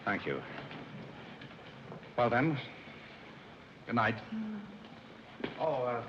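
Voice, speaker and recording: A man's voice: medium pitch, sing-song, extremely slow. An actor playing a sardonic, proud homeless American man with dry, articulate wit in a 1930s screwball film. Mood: wry, polite. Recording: muffled, noisy 1930s film soundtrack.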